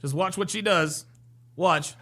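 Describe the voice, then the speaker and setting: Here a man speaks in a high, gravelly voice that sounds pushed and bright, moving a little slowly. He's streaming live reactions to a dating show clip, reading out viewer comments with jokes and repetition.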